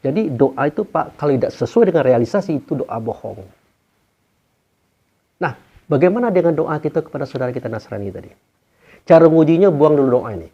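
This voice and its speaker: A man preaching a sermon, often putting questions to the audience and swinging his pitch up for emphasis. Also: animated, a little fast, long pauses, husky. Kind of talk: sermon to a gathering. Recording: dull lo-fi recording.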